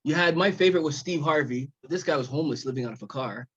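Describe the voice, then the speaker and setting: A man's voice: fairly high pitch, quick pace, a bit bright, breathy edge. A man in his fifties from Jamaica, raised in Montreal, telling stories as a comedy guest in a casual interview, laughing often and restarting his sentences. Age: 50s. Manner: laughing, rambling storyteller with restarts. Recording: dull lo-fi sound.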